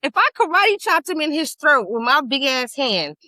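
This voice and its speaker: A woman's voice: high voice, normal speed, no echo, poor audio. A woman co-hosting a casual podcast, telling a story with lots of profanity and acting out the people in it. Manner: animated storytelling, profane, acts out quotes. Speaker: podcast co-host. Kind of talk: casual chat.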